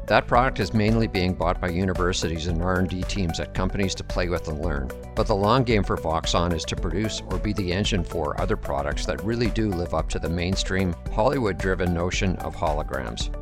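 Low-pitched male host, measured delivery, music bed behind. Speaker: podcast host. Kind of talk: scripted intro then casual interview.

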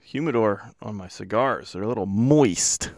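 A man's voice: fairly low pitch, normal speed, a little mellow, no room sound, studio quality. A man hosting a casual podcast chat, joking and swearing as he calls on each of his friends in turn. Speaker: podcast host.

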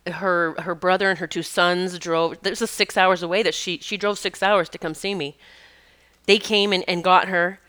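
A woman with a lower-pitched voice that still rings bright and forceful tells a personal story. She is earnest and emotional and often stops and restarts her sentences. The tone is smooth and crisp throughout. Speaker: podcast host.

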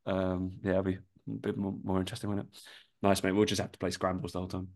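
Talking fast in a deep, slightly mellow monotone, a man co-hosts a podcast. The conversation is casual, with plenty of swearing and frequent laughs, and his voice carries a slight nasal quality from a lingering cold.

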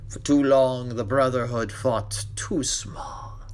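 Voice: medium pitch, steady tone, takes it slowly, natural voice. A game player voicing a gloating, mockingly polite shapeshifting villain delivering a grandiose evil monologue. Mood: gloating, menacing. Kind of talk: tabletop role-play villain monologue.

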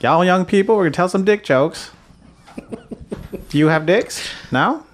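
A man's voice: high voice, a little slow, voice pushed up. A man putting on an old-timey 1940s newsreel announcer voice, calling young people to gather around. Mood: barker-like.

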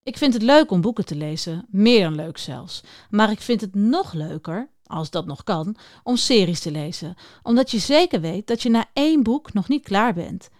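A woman gives a scripted introduction to a children's book series, speaking directly and warmly to young listeners. Her voice sits at a middle pitch. The sound is dry and close, with no room echo. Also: expressive, moderate pace. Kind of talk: scripted morning-opening talk for children.

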